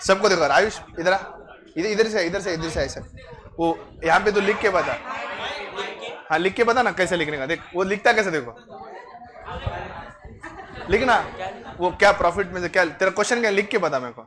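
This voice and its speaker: A man's voice: sits high, normal speed, pauses often. A man lecturing a class on finance, joking and bantering with his students. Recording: noisy classroom crowd. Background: students chatting.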